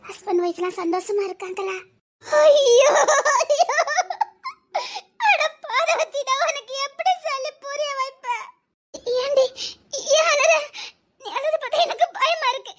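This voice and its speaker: A woman's voice: very high voice, animated, quick pace. An actress playing a grieving young woman talking with her friend, with an emotional, tearful delivery. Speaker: actress in a family drama. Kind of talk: melodramatic dialogue scene.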